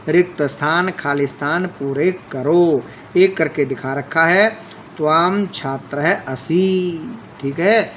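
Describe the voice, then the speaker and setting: A man's voice: fairly high pitch, fairly bright tone, a little hiss or hum. A man teaching a Sanskrit lesson, reading lines aloud and then explaining them. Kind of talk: classroom explanation.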